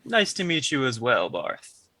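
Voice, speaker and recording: A man voicing a grizzled old prospector elf, gruff and guarded, in a tabletop role-play. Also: medium pitch, sing-song, measured pace, sharp tone, dry recording. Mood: wary, gruff.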